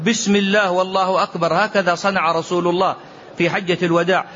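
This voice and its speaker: A middle-aged man, a sheikh giving a religious lesson and answering questions in an animated way, full of rhetorical questions and mock dialogue. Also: high voice, quick pace. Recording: dull lo-fi recording with faint hiss.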